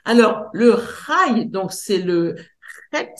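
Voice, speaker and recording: A woman researcher giving a lecture presentation, pausing often to search for words and spelling out sounds slowly and carefully. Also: mid-range voice, sing-song, roomy sound. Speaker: researcher and theologian presenting a decoding.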